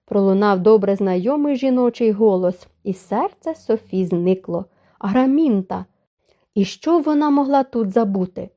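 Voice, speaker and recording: A woman reading a novel aloud as an audiobook narrator, in a calm, even storytelling manner. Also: mid-range voice, moderate pace. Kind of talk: scripted narration.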